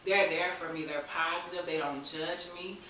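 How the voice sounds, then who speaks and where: A woman in recovery, a talk show guest, tells her own story candidly and with resolve in a personal, conversational way. Her voice sits low, bright and forceful, with fairly even intonation at a moderate pace. The recording is very echoey, with a distant mic and hiss.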